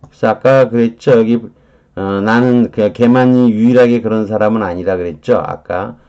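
A man teaching English vocabulary in a lecture, explaining slowly with many drawn-out fillers and reading English phrases deliberately. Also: fairly low pitch, fairly even intonation, mellow, dull audio.

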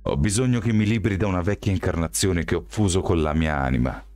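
A man voicing a calm, self-assured young man who speaks in a measured, quietly defiant way, in an audiobook reading. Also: deep voice, no echo, close to an everyday voice.

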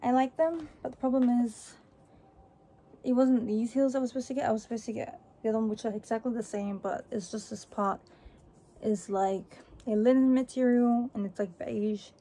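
In a small room, a young woman gives a casual, offhand haul vlog chat that wanders a little. Her fairly high voice is mellow with fairly even intonation at a moderate pace, over faint background noise.

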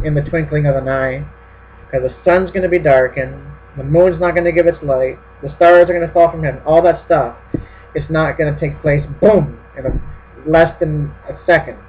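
A man preaching a sermon in an explanatory way, often checking in with his listeners. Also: a little high. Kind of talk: sermon teaching on prophecy. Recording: tinny phone-like line with mains hum.

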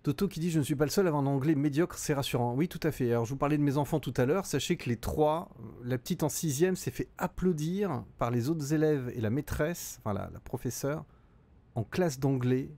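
A man's voice: on the high side, a little fast, dark tone. A middle-aged man streaming a game live, reading out chat and thinking aloud with frequent hesitations.

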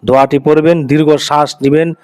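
A man's voice: a little high, little pitch movement, brisk, darkish tone, no room sound. A man presenting an Islamic devotional video, speaking to viewers in an earnest, reassuring, preacher-like way.

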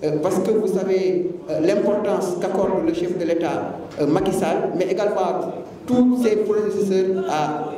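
A man in his forties from Senegal speaks at a press conference, earnest and emphatic, pausing with hesitations. His voice is high for a man but dark in tone. The room is echoey, with a long reverb, and he sounds set back from the mic. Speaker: business leader at a press conference. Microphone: handheld mic among a cluster of press mics. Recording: roomy hall from a distance.

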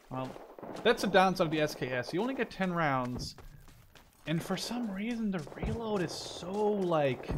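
Over the sound of shooter-game gunfire and clicks, a fairly high-pitched man chats casually while playing, thinking aloud in an informal, sweary way. He's a gameplay commentator, and the recording carries background noise.

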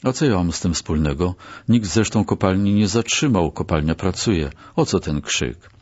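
A weary prisoner answers in a low, calm voice, as a male narrator plays him. He sounds resigned and dry. The recording is dull and muffled. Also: normal speed.

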